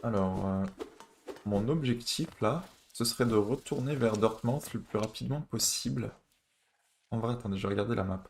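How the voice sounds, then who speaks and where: A man's voice: lowish voice, moderate pace, creaky, slight background noise. Casual French man streaming a game. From France. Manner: casual, swearing, chatty. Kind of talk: let's play commentary.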